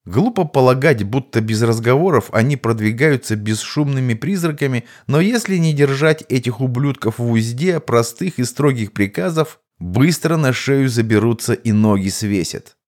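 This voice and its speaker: A man narrating an audiobook in a steady, even storytelling delivery. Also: medium pitch, moderate pace, few pauses.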